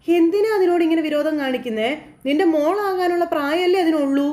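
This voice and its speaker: A woman's voice: extremely high pitch, brisk, warm tone, voice pushed up. A woman voicing a middle-aged mother who pleads with her harsh daughter in a raised, reproachful tone.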